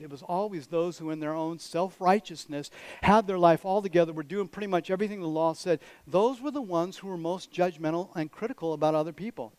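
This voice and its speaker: A man's voice: sits high, a little mellow, dry recording. A man preaching a sermon as a pastor, direct and conversational, with teasing asides to the congregation. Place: church.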